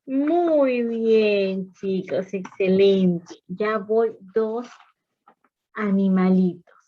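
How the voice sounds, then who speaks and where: A woman's voice: mid-range voice, extremely slow, highs cut off. A woman preschool teacher talking to small children as if to toddlers, in simple, repetitive, sing-song encouragement. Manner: repeats phrases and questions for young listeners.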